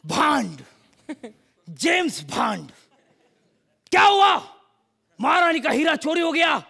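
A man playing a cocky, bumbling detective in a stage comedy sketch, mocking others with shouted punchlines. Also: extremely high pitch, sing-song, unhurried, vocal fry, full character voice. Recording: noisy live stage recording.

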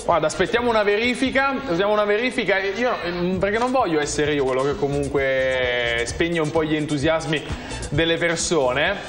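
A man's voice: fairly high pitch, normal speed. A man in his thirties hosting a live infomercial-style call-in quiz, wordy and repetitive as he urges viewers to phone in. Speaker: TV quiz show host. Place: TV studio. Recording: music behind the voice.

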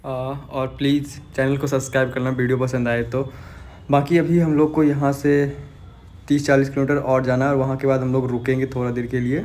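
A man's voice: medium pitch, level tone, brisk, a little mellow. A young man casually narrating a road-trip vlog from inside a car, chatting directly to his viewers. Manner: chatty, talks straight to viewers. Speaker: travel vlogger.

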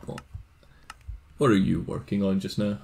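Relaxed low-voiced man chatting over a game. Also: normal speed, creaky. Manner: relaxed, reads quest text aloud, chuckles often. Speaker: co-host of a gaming series. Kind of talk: casual gameplay chat.

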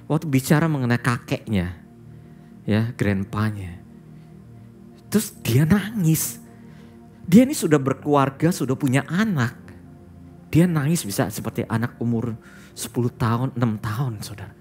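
A man's voice: mid-range voice, animated, moderate pace, long pauses, darkish tone, soft background music. A male pastor preaching a sermon, telling a story and often addressing the congregation directly, with English words mixed into his speech.

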